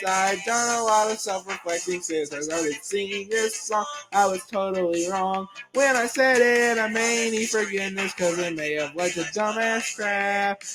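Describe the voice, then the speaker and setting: Late-teen male singer, self-deprecating comic songs, slow phrasing, light music underneath. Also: high voice, poor audio. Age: late teens. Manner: self-mocking, confessional singing. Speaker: singer-songwriter. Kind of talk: comedic song performance. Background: faint music.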